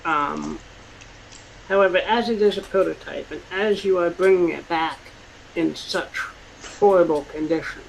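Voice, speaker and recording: A man improvising narration and dialogue as a tabletop game master, halting and searching for words as he goes. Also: on the high side, vocal fry, slight background noise, low-quality recording.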